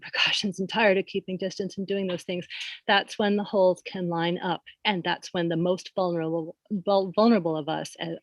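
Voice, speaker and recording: A woman's voice: lowish voice, dry recording. Casting: middle-aged woman doctor, nervous, chatty with fillers, dry close video-call sound. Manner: nervous, conversational, many fillers, light laughs. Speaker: primary care provider. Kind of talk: public comment at a forum.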